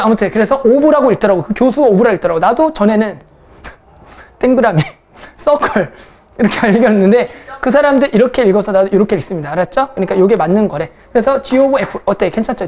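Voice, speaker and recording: A woman's voice: fairly high pitch, a little mellow, a little hiss or hum. A young woman math teacher lecturing a class, casual and teasing, who keeps checking in with her students.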